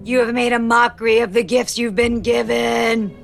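Higher-voiced, sly young female ghost. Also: flat delivery, moderate pace, vocal fry, soft background music. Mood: solemn, menacing.

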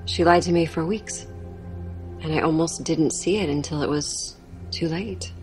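An actress playing a determined, stubborn young former prosecutor in a naturalistic, earnest and conversational way. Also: female voice, low voice, normal speed, music in the background, natural voice. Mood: troubled, reflective. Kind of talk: naturalistic TV drama acting.

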